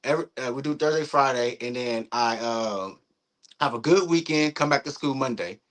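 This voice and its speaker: A young man, a guest in a casual interview, telling a story in a lively, profane way, acting out what people said. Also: medium pitch, moderate pace, rough recording. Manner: animated, profane storytelling with acted-out quotes.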